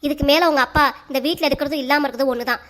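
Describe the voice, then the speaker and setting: A woman voicing an angry mother and wife in a cartoon, scolding sharply and without pause. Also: high-pitched, a bit bright. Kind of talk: cartoon voice acting.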